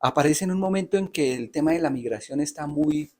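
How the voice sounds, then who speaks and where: A man's voice: fairly high pitch, expressive, a little fast, warm tone. A man from Colombia interviewing a novelist, asking long, polite and carefully elaborated questions.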